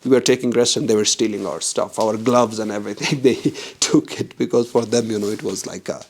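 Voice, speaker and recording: Male, gravelly low voice, lively anecdotal teller who plays out the dialogue. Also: fairly quick, slight background noise. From Pakistan. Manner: animated storyteller acting out quoted dialogue. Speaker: documentary filmmaker. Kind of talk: casual travel anecdote.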